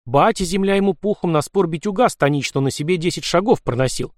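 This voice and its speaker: A man's voice: high-pitched, expressive, fast talker, dry recording, studio quality, pitched above the performer's own voice. A man reading the part of a blunt, plain-spoken young Cossack man in an audiobook. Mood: boasting.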